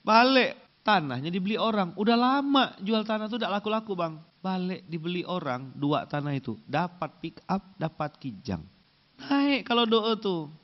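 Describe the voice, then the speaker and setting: A man preaching a sermon in a casual, lively way, slowly chanting Arabic verses and acting out prayers and haggling. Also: sits high. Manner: addresses listeners directly, casual and lively. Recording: dull reverberant hall sound.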